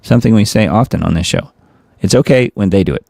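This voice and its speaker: A man with a fairly low voice hosts a live commentary show, reading articles aloud in a casual way. He keeps breaking off into sarcastic, rambling asides. The sound is dry and close, with no room echo. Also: quick pace, vocal fry, dark tone. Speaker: host.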